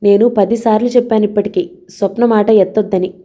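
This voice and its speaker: A woman's voice: medium pitch, fairly even intonation, a little fast, mellow, lightly acted. A woman voicing a young husband who firmly defends his marriage against his family in an audio novel. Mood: defiant. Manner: firm, defiant.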